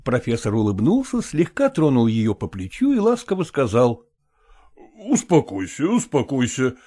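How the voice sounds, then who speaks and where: A male audiobook narrator reading classic prose. His voice sits at a middle pitch with an expressive, moving melody. The delivery is measured and literary throughout.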